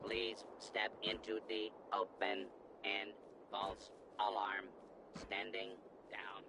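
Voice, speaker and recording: A man voicing a stern male security robot on patrol, giving clipped, flat, formal commands. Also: on the low side, takes it slowly, vocal fry, heavily acted. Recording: loud background noise.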